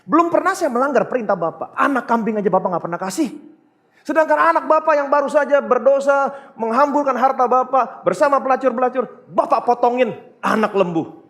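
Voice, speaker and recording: A man voicing a resentful grown elder son who complains to his father, quickly and in an aggrieved tone. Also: very high voice, expressive, fairly bright tone.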